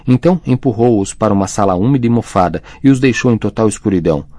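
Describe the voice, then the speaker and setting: A man narrating an audiobook in a measured, dramatic storytelling manner, voicing the characters' lines too. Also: on the low side, mellow, no room sound, studio quality.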